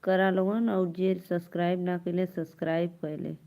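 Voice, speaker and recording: A woman's voice: lowish voice, level tone, normal speed, mellow. A young woman with an Awadhi accent hosting a folk-song live stream, chatting and teasing viewers and laughing often.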